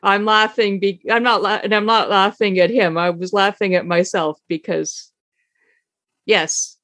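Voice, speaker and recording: A woman's voice: medium pitch, steady tone, dry recording. Zen teacher woman, dry close sound. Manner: unhurried, reflective, with frequent soft laughter. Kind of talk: dharma talk.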